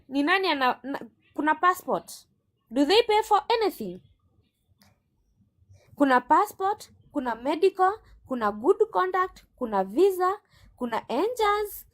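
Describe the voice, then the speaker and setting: An assertive woman with a Kenyan accent speaks as an agency owner in an interview. Her voice is notably high, and she argues her points firmly. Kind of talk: interview guest.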